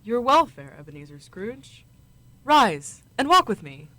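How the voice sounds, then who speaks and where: A woman's voice: on the high side, sing-song, bright, forceful tone, no echo, full character voice, poor audio. A young woman playing the Ghost of Christmas Past in a radio drama, solemn, commanding and formal as she probes with questions. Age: young adult. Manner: formal, measured, probing. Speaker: student actor.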